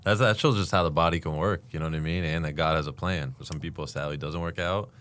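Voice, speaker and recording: Male podcast host with an extremely low voice, casual and affirming. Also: steady tone, fast talker, a bit bright. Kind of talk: casual interview chat.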